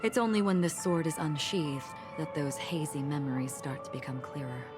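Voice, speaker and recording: A woman voicing a calm, cryptic young swordswoman in a game cutscene, speaking in a soft, even, measured way. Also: low voice, natural voice. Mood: calm, distant. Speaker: game character voice. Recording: game audio under a score. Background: game music.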